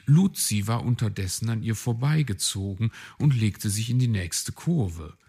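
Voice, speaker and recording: Slow, gravelly male storyteller. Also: fairly low pitch. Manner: expressive, voices each animal. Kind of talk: reading a children's advent story.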